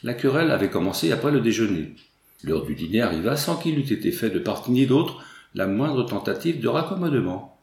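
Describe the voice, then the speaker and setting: Un homme lit à voix posée la narration d'un roman en livre audio. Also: male voice, mid-range voice, big pitch swings, fairly quick, a little mellow. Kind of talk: scripted narration. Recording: roomy echo.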